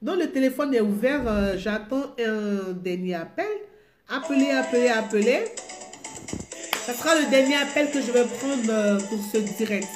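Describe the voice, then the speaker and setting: A woman with a fairly high voice and a moderate pace hosts a live call-in show while suffering from a cold. She chats casually, hesitating with lots of fillers and repeating herself, in an echoey room where music is playing.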